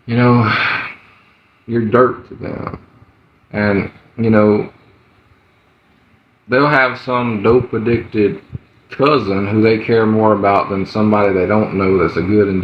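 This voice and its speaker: A man with a Southern US accent, chatting casually as a livestream host in a rambling, folksy way. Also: lowish voice. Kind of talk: casual livestream chat, greeting viewers. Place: indoor room at home. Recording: muffled, roomy, slightly noisy livestream audio.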